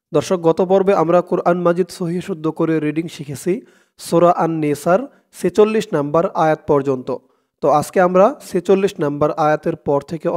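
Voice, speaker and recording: A man with a Bangladeshi Bengali accent teaching Quran reading, chanting verses slowly and then breaking the words into syllables. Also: a little high, a little mellow. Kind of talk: slow step-by-step recitation lesson.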